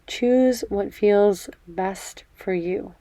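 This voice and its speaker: With a mellow, soft-edged mid-range voice, a woman guides listeners through a body-scan meditation at an unhurried pace. She soothes gently, pausing between phrases, in a dry, close recording.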